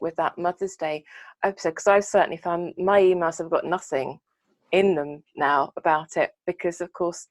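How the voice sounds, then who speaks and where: Earnest woman, low voice. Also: dry recording. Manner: earnest and reflective, speaks in long thoughtful runs. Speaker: podcast co-host. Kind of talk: casual chat on a video call.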